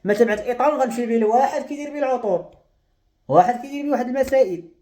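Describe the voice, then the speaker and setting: A man's voice: very high voice, rapid-fire, mellow. A young man with a Moroccan Arabic accent, speaking to camera in an agitated, despairing rant. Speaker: vlogger. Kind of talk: emotional monologue to camera.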